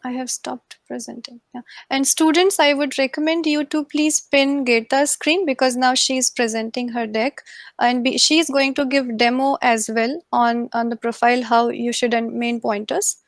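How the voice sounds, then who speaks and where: Higher-pitched woman hosting, dry close sound. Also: steady tone, normal speed, dry recording. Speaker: host of a mentorship session. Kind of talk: informal session hosting. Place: video call.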